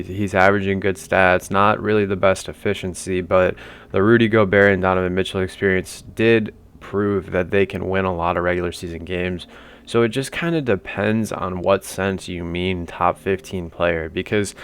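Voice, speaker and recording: A man's voice: sits low, fairly bright tone, clean tone. A man hosting a sports commentary channel, talking through viewer takes in a rambling, conversational way with lots of fillers. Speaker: basketball commentary channel host.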